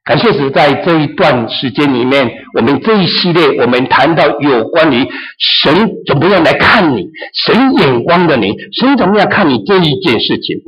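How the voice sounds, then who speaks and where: A man's voice: on the high side, sing-song, normal speed, hardly any pauses, fairly bright tone, low-quality recording. A man preaching a sermon as pastor, emphatic, sometimes acting out quotes and mixing in English phrases. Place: church in New Zealand.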